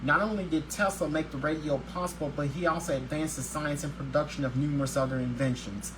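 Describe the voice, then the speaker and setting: A man's voice: fairly high pitch, fairly even intonation, quick pace, background noise. A man hosting his own daily video show, upbeat and religious, who reads a scripted segment and often stumbles and restarts his words.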